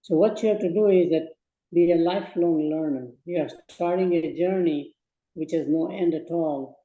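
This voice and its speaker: A man in his eighties from Burma, giving slow, measured advice in a speech to students. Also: fairly high pitch, roomy sound, narrow, tinny audio. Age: 80s. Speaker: guest speaker.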